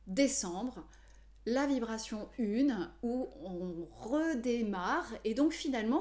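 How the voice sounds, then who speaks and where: A woman numerology coach explaining to viewers in a measured way, with frequent hesitations. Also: a little high, darkish tone. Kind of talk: explanatory video talk to viewers.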